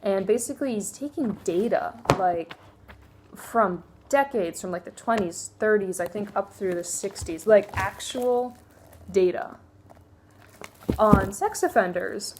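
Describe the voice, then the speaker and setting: A woman's voice: mid-range voice, a little slow, noisy background. Chatty young woman reviewing books. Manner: chatty, candid, many fillers and asides. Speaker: book reviewer. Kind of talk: casual book review vlog.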